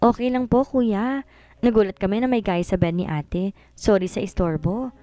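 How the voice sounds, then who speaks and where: A woman's voice: medium pitch, normal speed, dark tone, no echo, faint music behind, close to an everyday voice. Woman doing a cheeky teenage younger sister. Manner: cheeky, polite. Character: teasing teenage girl, playful younger sister.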